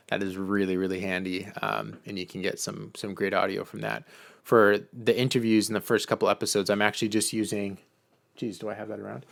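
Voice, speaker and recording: Man, live-stream Q&A host, casual, rambling with fillers, deep-ish voice, even tone. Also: gravelly. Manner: loose and chatty, full of "um" and "like"; answers viewer questions read from chat. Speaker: filmmaker hosting a live Q&A.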